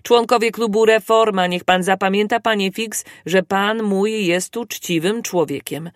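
A narrator voicing an excitable tipsy young manservant. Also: medium pitch, a little slow, no room sound, clean studio sound, voice pushed up, natural voice. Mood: tipsy, boastful. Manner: loud, impassioned outbursts.

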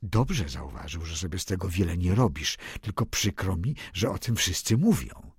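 A man reading the lines of a discreet, kindly gentleman in an audiobook, speaking quietly and confidingly. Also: sits low, lively intonation, normal speed, slightly rough, no echo, clean studio sound, voice pushed down, exaggerated voice.

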